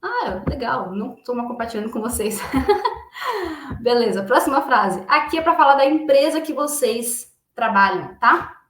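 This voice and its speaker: A woman's voice: fairly high pitch, sing-song, moderate pace, fairly bright tone. A woman who is an English teacher, giving a live online lesson, explaining patiently step by step and checking in with her class often. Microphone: computer mic in a live stream, screen shared. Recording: echoey room.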